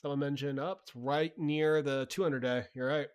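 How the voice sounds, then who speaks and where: A man's voice: on the high side, steady tone, normal speed, clean tone. A man hosting a livestream, casually talking through the market, blunt and profane, filling his talk with "like" and "right?". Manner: chatty, reads chat, frequent "like" and "right?". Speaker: livestream host.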